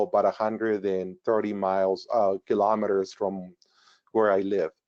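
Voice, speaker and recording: A retired engineer in his sixties, a native Spanish speaker raised in northern Mexico, gives an earnest, explanatory webinar presentation over slides with a Mexican Spanish accent and frequent fillers. His voice is fairly low and darkish, and the webinar audio is dull and lo-fi.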